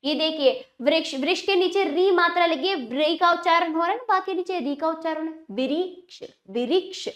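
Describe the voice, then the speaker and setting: A woman teaching young children, patient and clear, repeating each word slowly so they can follow. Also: extremely high pitch, a bit bright. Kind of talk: classroom lesson for children.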